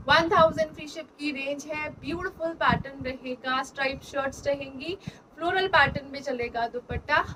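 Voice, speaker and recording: A woman presenting clothing for sale, switching often between Hindi and English and repeating stock phrases. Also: high voice. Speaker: clothing seller. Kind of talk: product showcase sales pitch. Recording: clear background noise.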